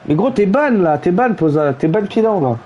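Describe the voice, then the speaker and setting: A man with a high, mellow voice runs a game livestream, calling the match in a mock commentator style. He talks in slangy, teasing bursts of mock outrage at his friends. A faint hum of noise sits under his voice. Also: expressive, normal speed, poor audio. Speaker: streamer.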